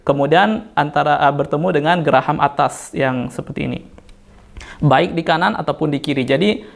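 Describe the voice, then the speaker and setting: A man with an Indonesian accent, teaching Quran recitation rules and slowly chanting verses between patient explanations. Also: a little high, vocal fry. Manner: patient, corrects mistakes step by step with fillers. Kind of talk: tajwid lesson with slow chanted recitation.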